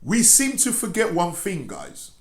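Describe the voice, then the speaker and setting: A man's voice: sits high, huge pitch swings, measured pace, vocal fry. A man giving impassioned online commentary, speaking directly to the person he criticizes and repeating phrases for emphasis. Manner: confrontational, addresses his target directly, repeats phrases. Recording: roomy echo.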